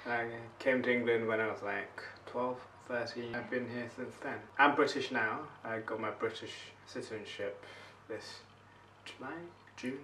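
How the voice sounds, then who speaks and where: A man's voice: mid-range voice, steady tone, moderate pace, bright, forceful tone, slight background noise. Man in his twenties, from korea, shy brief answers, roomy echo, distant mic. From South Korea. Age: 20s. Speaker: guest partner. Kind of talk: casual couple Q&A chat.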